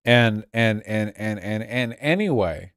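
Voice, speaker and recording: A man's voice: fairly low pitch, expressive, slow pace, fairly bright tone, clean tone, no room sound, studio quality. A very drunk man rambling on a casual livestream, crude, losing his thread and stumbling over repeated words. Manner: crude, swearing.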